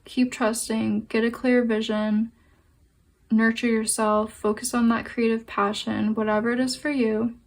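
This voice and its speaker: A woman reading tarot cards for her viewers, with a slightly high voice. She talks in a gentle, reassuring way and often pauses on fillers and restarts her sentences. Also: flat delivery. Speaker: tarot card reader. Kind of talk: pick-a-card tarot reading.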